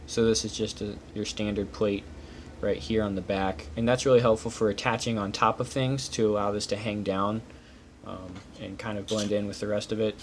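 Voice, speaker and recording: A man with a lowish voice hosts a casual, hands-on walkthrough of building-brick pieces, methodically explaining small details at a moderate pace. The recording is clear, with steady background noise.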